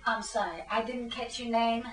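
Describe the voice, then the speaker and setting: A man's voice: very high-pitched, normal speed, fairly bright tone, slight background noise, pitched above the performer's own voice. A man voicing a polite, eager female newcomer who speaks courteously. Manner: courteous and formal. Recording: roomy and distant.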